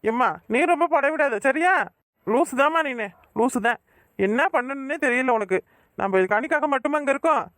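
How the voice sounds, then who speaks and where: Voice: high voice, lively intonation, moderate pace, fairly bright tone, no echo, clean studio sound. A performer voicing a blunt old village uncle. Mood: scolding. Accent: Tirunelveli Tamil. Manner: blunt, scolding village talk. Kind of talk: cartoon voice acting.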